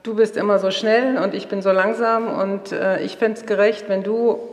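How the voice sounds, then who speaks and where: A middle-aged woman tells stories from her family life, slipping into the voices of the people she quotes. Her voice carries through a roomy hall with a long reverb. Her pitch sits in an ordinary middle range. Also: moderate pace. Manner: lively storyteller, acts out quoted dialogue. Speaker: speaker sharing marriage stories. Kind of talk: storytelling talk to an audience.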